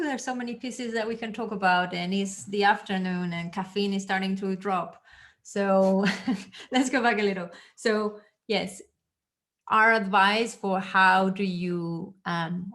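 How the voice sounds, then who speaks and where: A woman's voice: medium pitch, a bit bright. A woman trainer explaining ideas on a video call in a chatty, playful way with light asides. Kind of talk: casual explanation on a group call.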